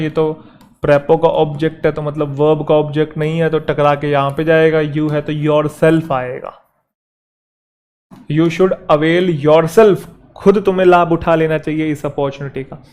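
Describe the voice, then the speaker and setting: Male teacher, somewhat high voice, patient step-by-step explainer. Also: darkish tone. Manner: explains step by step, addresses students as "beta", reads example sentences slowly. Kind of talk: classroom grammar lesson.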